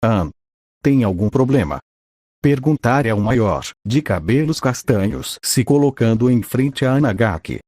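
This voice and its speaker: Guy narrating a fan story, mid pitch, flat even read, dry close mic. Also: a little slow, no room sound. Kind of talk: narrated fan fiction with quoted character lines.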